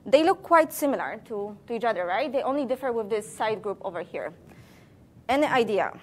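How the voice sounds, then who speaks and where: A woman's voice: a little high, lively intonation, brisk. A woman scientist giving a public science talk to a live audience, playful, quizzing the room and joking between facts.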